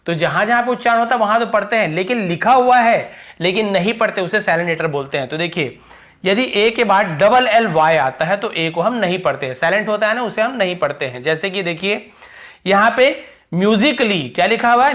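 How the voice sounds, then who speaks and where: A man's voice: high voice, a bit bright. Patient male teacher repeating example words. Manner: repeats example words slowly and asks rhetorical questions. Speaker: English teacher. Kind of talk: classroom-style video lesson.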